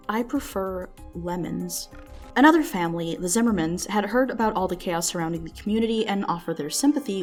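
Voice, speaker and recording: With a medium-pitched, darkish voice, a woman narrates a scripted true-mystery video she hosts. She speaks close on the mic, measured and storytelling in manner, adding dramatic emphasis.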